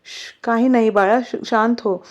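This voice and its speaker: A woman voicing a caring, calming mother-in-law in a storybook reading. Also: fairly high pitch, normal speed, close to an everyday voice. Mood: soothing. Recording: slightly muffled recording.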